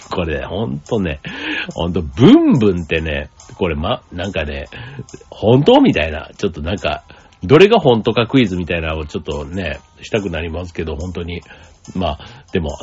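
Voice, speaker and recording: On a casual solo talk show, a Kansai podcast host speaks in a low, somewhat mellow, husky voice. Fillers and asides fill his rambling, and the recording is faintly musical, lo-fi, and a little dull.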